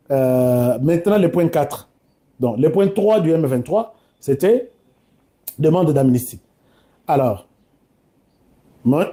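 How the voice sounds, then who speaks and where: A man from DR Congo, speaking with a Congolese accent in a fairly high, warm voice, delivers emphatic, informal political commentary. He addresses listeners directly and switches back and forth between two languages.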